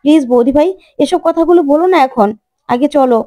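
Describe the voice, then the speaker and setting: A woman voicing a practical young sister-in-law calming the family. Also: sits high, a little fast, lightly acted. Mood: soothing. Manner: soothing, pleading.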